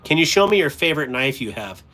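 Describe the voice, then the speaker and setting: A man's voice: fairly high pitch, big pitch swings, fast, bright, forceful tone, slight background noise. A man hosting a casual livestream, rambling to his chat while sorting stickers and gear at a cluttered workspace. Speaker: livestream host. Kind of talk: casual live-stream chat.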